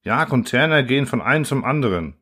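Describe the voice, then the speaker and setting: A man's voice: mid-range voice, animated, fast, sharp tone, husky, pitched above the performer's own voice. A man voicing a shaken male expedition officer reporting over the radio, breathless and agitated.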